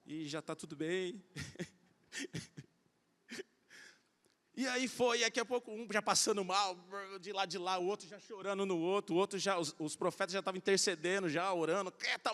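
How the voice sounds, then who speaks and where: High-voiced pastor in a reverberant hall. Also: male voice, normal speed, long pauses. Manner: storytelling, animated, acting out quoted voices. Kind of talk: sermon. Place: large church hall.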